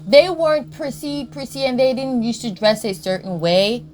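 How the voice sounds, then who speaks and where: A woman's voice: on the high side, lively intonation, moderate pace, a little mellow, a little hiss or hum. A woman giving a blunt, emphatic spiritual commentary, swearing freely and often checking in with "Okay?". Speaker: tarot and astrology content creator. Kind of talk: casual spiritual commentary monologue.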